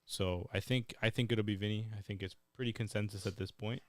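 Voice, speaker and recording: A man co-hosting a casual football podcast who argues his points in a measured way, often hedging with "I think". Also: on the low side, steady tone, no echo. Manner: measured, reasoning, hedges with "I think". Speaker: podcast co-host.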